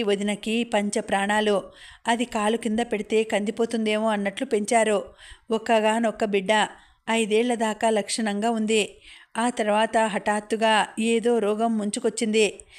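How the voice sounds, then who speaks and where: A woman's voice: mid-range voice, natural voice. A woman voicing an angry, aggrieved older village man who complains bitterly and indignantly.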